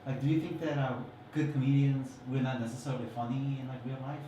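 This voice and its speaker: A male podcast host speaks softly and hesitantly, his questions full of fillers. He sounds far from the mic, with a very echoey room and a dull, muffled tone. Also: medium pitch, steady tone, fast talker, slight background noise. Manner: hesitant, soft-spoken, lots of fillers. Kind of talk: casual interview.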